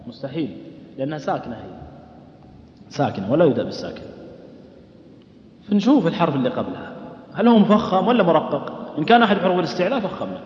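A man's voice: a little high, a little mellow, a little hiss or hum. A man teaching a lesson on recitation rules, often questioning his listeners and chanting short examples. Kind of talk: explaining a lesson to a class. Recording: echoey hall, dull lo-fi sound.

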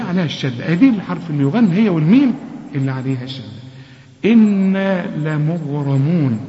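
A man with an Egyptian accent teaching Quran recitation rules, reciting verses slowly and drawn out, then explaining quickly. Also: on the high side, darkish tone. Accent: Egyptian Arabic. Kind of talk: tajweed lesson with recited examples. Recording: dull lo-fi sound with long hall reverb.

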